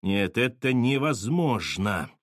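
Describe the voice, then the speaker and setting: An exasperated young woman scolds and barks orders, as a male reader voices her. Her voice swings with lively emphasis. The reading is close and dry. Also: medium pitch, takes it slowly, no echo. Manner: scolding, exclamatory.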